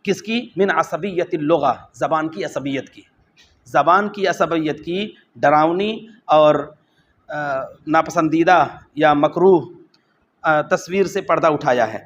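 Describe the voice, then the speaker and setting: Man, teacher, lesson on an Arabic text, repeats phrases slowly, faint hiss behind. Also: on the high side, fairly bright tone, lo-fi sound. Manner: reads Arabic phrases slowly, then repeats them in explanation.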